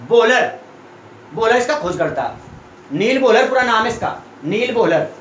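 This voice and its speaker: A man's voice: very high-pitched, animated, measured pace, fairly bright tone, a little hiss or hum. Young male tutor in an echoey classroom. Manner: repetitive, keeps checking students follow. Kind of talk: classroom lesson explaining chemistry. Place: small classroom with students. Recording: echoey room.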